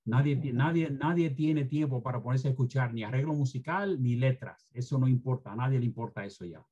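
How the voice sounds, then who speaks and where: A man's voice: medium pitch, a little fast, warm tone, husky, lo-fi sound. A former Spanish teacher being interviewed, a man who speaks emphatically and lectures about careless language use. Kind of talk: interview, opinionated commentary on language.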